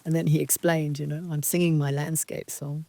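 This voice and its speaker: A woman from Zambia giving a slow, halting, reflective dharma talk as a meditation teacher on a retreat. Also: low-pitched, little pitch movement, creaky, mellow, dry recording. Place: outdoor retreat in wilderness.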